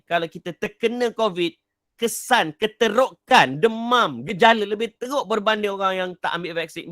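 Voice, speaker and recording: A man's voice: sits high, fairly bright tone, dry recording, clean studio sound. A middle-aged man from Kelantan, Malaysia, giving a live online motivational talk. He repeats his key points, quizzes listeners and reads their answers from the chat. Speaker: motivational speaker.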